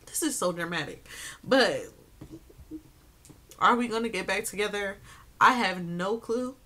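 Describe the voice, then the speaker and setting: A woman's voice: medium pitch, lively intonation, a little slow, sharp tone. A young woman giving a casual life update on her vlog, chatty and full of "like"s, tearful at times. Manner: chatty, filler-heavy talk with many "like"s. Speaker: vlogger.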